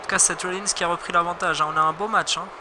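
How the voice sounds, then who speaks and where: A man's voice: high-pitched, fairly even intonation, racing, background noise. A man doing casual live commentary as a wrestling commentator, chatting informally and directly to viewers. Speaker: streamer commentating wrestling game matches.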